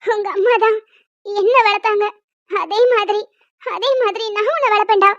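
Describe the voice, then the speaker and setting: A woman voicing a young woman in a cartoon who cares for her baby nephew, cooing softly and growing tearful. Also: extremely high pitch, fairly even intonation, moderate pace, no echo, highs cut off. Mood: tender. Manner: tender cooing, turns to tearful panic. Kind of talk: cartoon voice acting.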